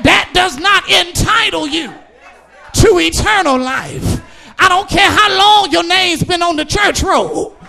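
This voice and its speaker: A man preaching with a strikingly high, gravelly voice that rings forceful and tense. He delivers in a slow, drawn-out sermon cadence, shouting and half-singing his lines and driving each point home through repetition.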